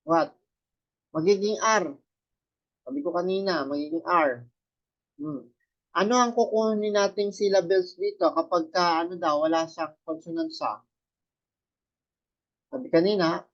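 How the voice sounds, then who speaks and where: A man's voice: high-pitched, lo-fi sound. A man teaching a Japanese lesson, explaining step by step and often checking with his students. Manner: explains step by step, quizzing students with rhetorical questions. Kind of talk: classroom lesson explaining katakana.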